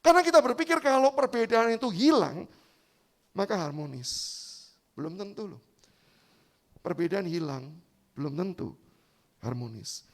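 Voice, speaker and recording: Male preacher, church youth sermon, lively storytelling, asks the audience questions. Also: high voice, normal speed, pauses often. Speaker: youth pastor.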